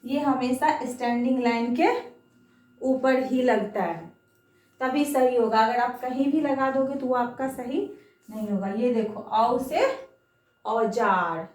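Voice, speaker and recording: A woman's voice: a little high, slow, darkish tone, roomy sound, recorded from a distance. A woman teaching a children's lesson on Hindi vowel signs, patient, stretching syllables out and asking frequent questions.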